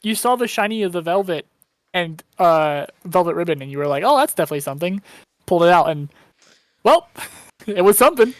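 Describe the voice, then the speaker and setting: A woman narrates a tabletop game as game master, halting often but sounding amused. Her voice is on the low side, and the close mic sounds dry. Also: expressive, dry recording. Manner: halting, amused, full of ums.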